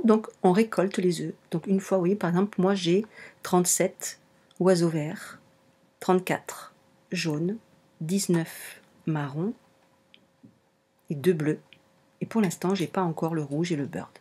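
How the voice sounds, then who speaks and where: With a fairly low pitch, a dark tone and a slightly rough texture, a French-accented woman presents a casual screen-recorded tutorial on a browser game. She walks through it step by step and often repeats or corrects herself.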